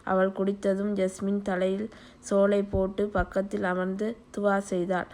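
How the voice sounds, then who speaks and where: Brief: woman storyteller, medium pitch, flat even read, measured pace. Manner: steady, measured reading. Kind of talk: scripted story narration.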